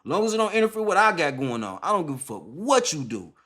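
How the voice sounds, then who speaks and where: A man's voice: on the high side, very animated, fast talker, pushed and bright. A young man talking off the cuff in an interview, emphatic and repetitive, with heavy slang and profanity. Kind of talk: casual unscripted monologue.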